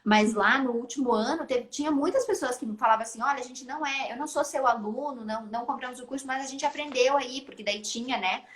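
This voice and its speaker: A woman's voice: sits high, fast, few pauses, a little hiss or hum. Patient woman teacher, roomy sound. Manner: patient, repeats advice, frequent "né?". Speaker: guest, Latin teacher. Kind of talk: casual explanatory talk on a live stream.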